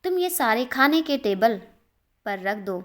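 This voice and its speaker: A woman's voice: a little high, big pitch swings, measured pace. A woman voicing a caring elder sister in a read-aloud storybook, speaking in a soothing, fondly scolding way. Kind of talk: storybook character reading.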